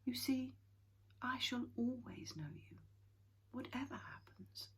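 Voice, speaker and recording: A woman voicing a kind, calm mother creature who speaks in a serious, motherly way in a storybook reading. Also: on the high side, takes it slowly, breathy edge, whispered, pitched above the performer's own voice, exaggerated voice. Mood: tender, quiet.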